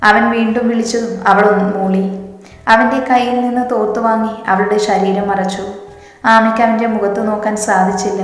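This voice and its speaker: A woman reading a romance story aloud as the narrator, in steady read-aloud narration. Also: mid-range voice. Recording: echoey room with long reverb.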